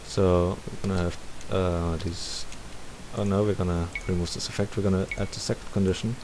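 Steady hiss underlies this recording of a man with a low-pitched voice speaking at a moderate pace. He's presenting a casual game tutorial captured on screen, narrating his thoughts as he goes.

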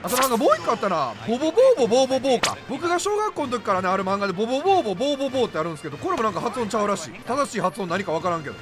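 A young man with a Kansai accent commentating his own gameplay, loud and excitable, breaking into rapid repeated exclamations. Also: very high voice. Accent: Kansai Japanese. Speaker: game YouTuber. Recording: game music behind the voice.

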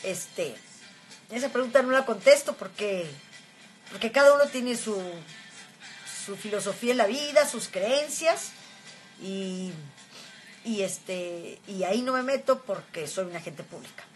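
A woman's voice: medium pitch, expressive, a little slow, soft background music. A Mexican woman in her fifties hosting a casual livestream, chatting affectionately and reading viewers' comments, with frequent filler words. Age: 50s. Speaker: livestream host.

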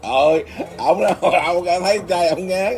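A man's voice: sits high, moderate pace, a crowd in the background. A man who is a Buddhist monk, chatting casually and teasing, laughing often. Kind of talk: casual chat. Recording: noisy background.

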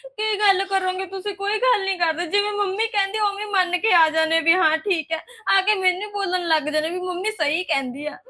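A woman's voice: very high-pitched, fairly quick, sharp tone. A woman acting a scheming young new bride in a short drama film, crying and complaining about her mother-in-law. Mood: aggrieved. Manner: complaining, plaintive, scheming asides.

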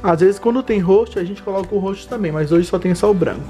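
A young man with a Bahian Brazilian accent talks very quickly to his viewers. He is chatty and casual, like a cooking vlog host, with light music in the background. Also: high-pitched, warm tone. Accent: Bahian Brazilian Portuguese. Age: young adult. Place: home kitchen, indoors.

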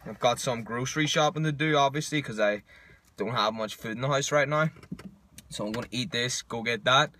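A young man talks through his day in a relaxed, casual vlog style, swearing freely. His pitch sits mid-range for a man. It is recorded on a simple camera mic. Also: fairly quick. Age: young adult. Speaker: fitness vlogger. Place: gym, parked car, home kitchen.

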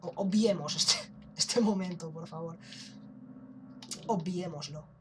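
A man's voice: high-pitched, takes it slowly, a bit bright, a little hiss or hum. A young man with a Spain Spanish accent, chatting and joking casually while commenting on his gameplay, with the odd swear. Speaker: gaming YouTuber. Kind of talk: let's play commentary. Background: game music.

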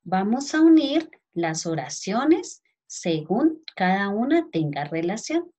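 A woman's voice: mid-range voice, very animated, slow, dark tone. A woman teacher with a Colombian accent dictating a lesson to young children word by word, spelling out letters, and calling the pupils affectionately. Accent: Colombian Spanish. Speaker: primary school teacher.

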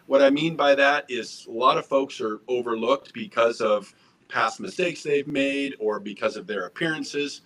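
Here a middle-aged man who works as a restaurant executive gives a video interview at home, speaking with earnest energy, using his hands and repeating words. His medium-pitched, moderately paced voice sounds far from the mic, captured by his webcam.

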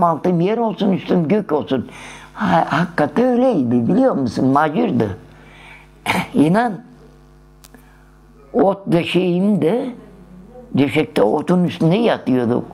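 Elderly woman, slow emotional storyteller, interview testimony. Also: low voice, mellow. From Dersim, Turkey. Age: older. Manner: slow, emotional, acts out the old dialogues. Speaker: interviewee, massacre survivor. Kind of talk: personal storytelling.

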